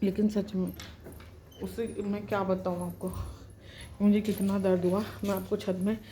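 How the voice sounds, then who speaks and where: A woman's voice: medium pitch, little pitch movement, measured pace, warm tone, a little hiss or hum. Young woman talking through a sore mouth. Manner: rambling, restarting sentences, talking carefully around mouth pain. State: sore tongue and lips, speaking with pain. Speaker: vlogger. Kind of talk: casual storytelling to camera.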